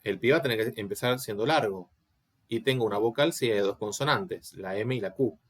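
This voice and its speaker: A Latin teacher with a low, husky voice runs an online class, speaking fairly quickly. He patiently explains things step by step and often asks questions to check that his students are following.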